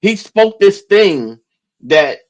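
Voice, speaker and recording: A man with a somewhat raised pitch tells stories in animated, casual chat. He laughs often and keeps things lively. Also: slow pace. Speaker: podcast co-host.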